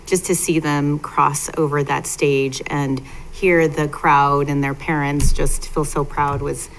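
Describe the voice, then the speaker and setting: Woman board member, very low monotone pitch, heartfelt halting remarks, slight background noise. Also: low-quality recording. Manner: warm-hearted, emotional, halting with fillers.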